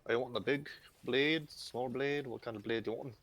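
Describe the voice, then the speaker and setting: A man's voice: mid-range voice, fairly quick, fairly bright tone, voice pushed up. Man doing an Irish-accented woman blacksmith. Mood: businesslike. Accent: Irish, put on. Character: short red-haired woman blacksmith, early thirties, brisk. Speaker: game master.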